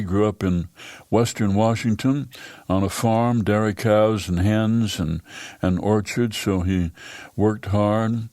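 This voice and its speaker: In this scripted almanac narration, a low-voiced older male radio host from the United States takes his time, telling stories with long pauses. His dry studio voice-over has no echo and sits over soft music.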